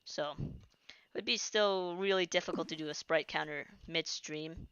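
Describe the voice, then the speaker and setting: During a live game stream, a woman with a deep, slightly bright voice chats casually at a measured pace, rambling and restarting her sentences as she begins to tire. Her voice itself is clean and dry, though the stream audio is dull and lo-fi.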